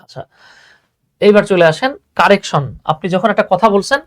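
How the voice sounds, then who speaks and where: A man's voice: sits high, animated, fairly quick. A man with a Bangladeshi accent teaching an English exam-prep lesson, who explains patiently and repeats key phrases for his students.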